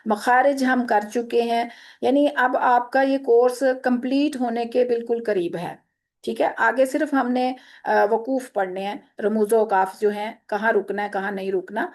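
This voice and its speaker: A woman teaching a tajweed lesson online, explaining the rules and then reciting words slowly and clearly. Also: on the high side, fairly even intonation.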